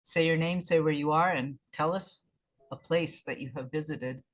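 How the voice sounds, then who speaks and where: A woman hosting a relaxed online gathering, chatty and quick to laugh, heard over a video call. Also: low voice. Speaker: host. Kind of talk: casual group chat. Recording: dull video-call audio.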